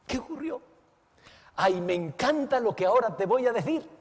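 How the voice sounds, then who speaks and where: A man preaching a sermon as pastor. He is dramatic, swings between exclamations and hushed asides, and keeps asking the listeners questions. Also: extremely high pitch, animated, normal speed, breathy edge, long reverb tail. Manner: asks the listeners direct questions.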